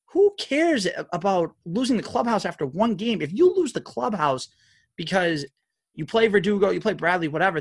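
A man's voice: high voice, husky. Emphatic man in his late thirties. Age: 30s. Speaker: podcast co-host. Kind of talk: casual sports chat.

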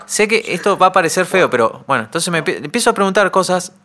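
A young man with an Argentine Rioplatense accent, telling a personal anecdote on a podcast in an animated way. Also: high-pitched, fast talker. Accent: Argentine Rioplatense Spanish. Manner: animated, acts out quoted voices with shouts. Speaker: guest storyteller.

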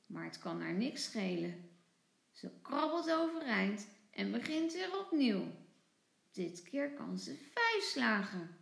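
A woman teacher reading a children's storybook aloud in an expressive, sing-song way. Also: fairly high pitch, takes it slowly, gravelly, echoey room.

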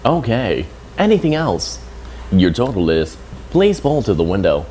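Calm robotic drive-thru computer voice done by a man: low, flat and even, heard through a noisy speaker with car engines behind. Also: measured pace. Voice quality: flat, even, machine-like delivery.

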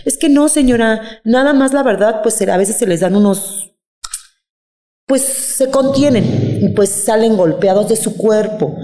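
A woman's voice: fairly high pitch, measured pace, mellow, echoey room, in a large hall, pitched above the performer's own voice, close to an everyday voice. A woman voicing a female social worker who gives evasive, dismissive excuses.

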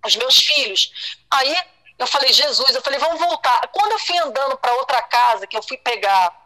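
High bright woman, middle aged, retelling a scary story, lots of restarts and repeats. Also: expressive, moderate pace, low-quality recording. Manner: distressed, repeats and restarts, quotes others. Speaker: guest telling her story. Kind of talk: emotional personal storytelling.

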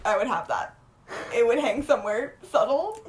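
A woman's voice: fairly high pitch, sing-song, normal speed. A young woman co-hosting a podcast, chatting casually and rambling through a TV recap with lots of filler words. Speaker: podcast co-host. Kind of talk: casual chat recapping a TV show.

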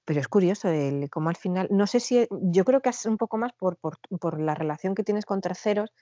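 Lively woman chatting, dull dry sound. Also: fairly low pitch, brisk, no room sound. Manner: animated storyteller, acts out quoted dialogue. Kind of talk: casual chat. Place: Spain, back from living in France.

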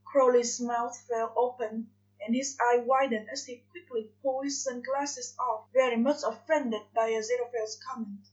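A woman reading fanfiction aloud in soft, measured narration. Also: fairly high pitch. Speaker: fanfiction reader. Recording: dull lo-fi recording.

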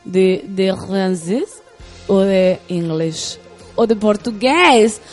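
A woman's voice: mid-range voice, very slow, darkish tone, faint music behind. A Chilean woman hosting morning radio, chatting playfully and joking as she reads out listener messages. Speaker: radio host. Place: radio studio.

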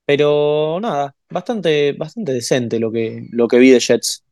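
A man, a podcast co-host giving relaxed, offhand sports analysis. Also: medium pitch, takes it slowly, dry recording, studio quality.

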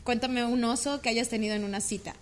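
A woman's voice: a little high, fairly even intonation, fast, a little hiss or hum. A young woman with a Mexican accent in her twenties, co-hosting and telling stories in rambling, slangy casual chat. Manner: rambling, slangy, peppered with "güey". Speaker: co-host.

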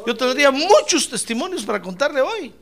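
A male pastor preaching a sermon in an animated way, mixing jokes with fervent calls to the congregation. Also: extremely high pitch, a little fast, a faint crowd.

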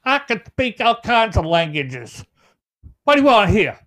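A man's voice: sits high, very animated, normal speed. A man playing a folksy old farmer co-hosting a comedy show, with homespun rural talk. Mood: deadpan folksy. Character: folksy old male farmer, cheerfully confident. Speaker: co-host. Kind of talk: comedic character banter.

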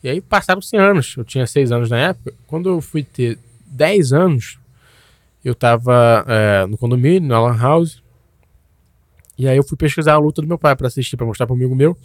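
A man's voice: mid-range voice, normal speed, no echo, clean studio sound. A young man, telling a personal story in a loose, slangy way, full of restarts and tags. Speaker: guest.

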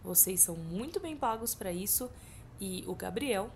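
A woman's voice: mid-range voice, lively intonation, normal speed, slight background noise, lightly acted. A woman playing an authoritative police chief, curt, bossy and matter-of-fact in acted crime comedy-drama dialogue. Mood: stern.

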